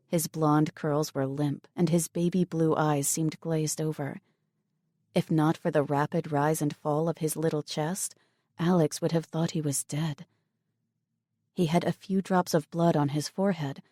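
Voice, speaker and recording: Low, mellow woman narrating a novel. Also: no echo, studio quality. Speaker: audiobook narrator. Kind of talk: scripted narration.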